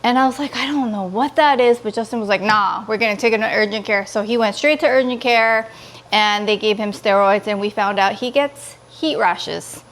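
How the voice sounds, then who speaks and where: A woman from California in her thirties chatting casually to her vlog viewers in an expressive, gushing way. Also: mid-range voice, moderate pace. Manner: expressive, pleading and gushing, quotes others in dialogue. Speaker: vlogger.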